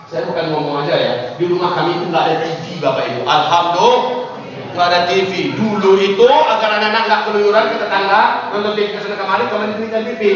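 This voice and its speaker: A middle-aged man delivers an emphatic, joking sermon in a high voice. He is heard from far off in a big reverberant hall. The sound is dull and lo-fi, with a faint hiss behind it. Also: a bit bright. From Minangkabau, West Sumatra. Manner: emphatic, jokes with the audience, acts out parents and children. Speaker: preacher. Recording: echoey hall, distant mic, dull sound.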